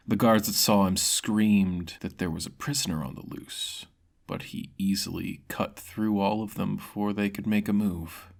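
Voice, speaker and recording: A storyteller who runs their own channel narrates a fantasy tale they wrote, in a low, creaky voice. At times the delivery turns dramatic, and at times it casually speaks to the listeners.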